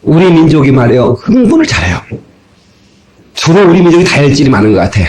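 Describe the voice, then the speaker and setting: Animated Korean pastor preaching a sermon. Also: male voice, fairly high pitch, fast talker, low-quality recording. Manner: animated preaching with acted-out dialogue and shouts. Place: church sanctuary. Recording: old cassette tape sermon recording.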